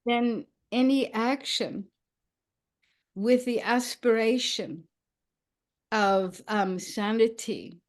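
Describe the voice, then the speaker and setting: An older woman storyteller speaking slowly and reflectively, with frequent pauses and soft fillers. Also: a little high. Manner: slow, thoughtful, with many pauses and fillers.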